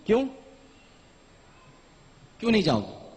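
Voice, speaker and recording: High-voiced man hosting a live studio show. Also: huge pitch swings, a little slow, a little mellow. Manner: coaxing, insistent questioning. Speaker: TV show host. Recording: hall reverb, faint noise.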